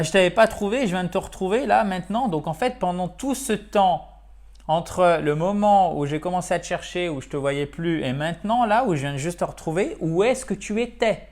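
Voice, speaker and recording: Male English teacher, animated, bilingual, drills pronunciation by repetition. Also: medium pitch. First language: French. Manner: lively, switches between French and English, repeats words for pronunciation. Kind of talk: online English lesson.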